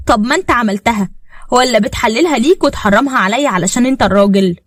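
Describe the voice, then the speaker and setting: A bitter, wounded young wife , put on by a woman narrator, who hits back with sharp reproaches in a quick Egyptian voice. Every line comes fast and dry, close to the mic, with no room sound around it. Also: a little high, dry recording, close to an everyday voice. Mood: defiant.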